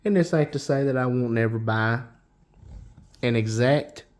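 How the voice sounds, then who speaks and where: A man hosting a casual show-and-tell vlog, folksy and unhurried, with frequent restarts. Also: medium pitch, a little mellow. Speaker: knife channel host.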